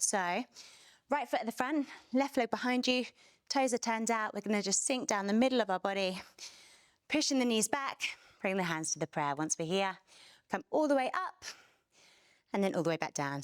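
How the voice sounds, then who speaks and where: A woman's voice: medium pitch, lively intonation, normal speed, no room sound, clean studio sound. A young adult woman leading a barre workout class, energetically counting reps and cueing moves while a little out of breath. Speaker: fitness instructor.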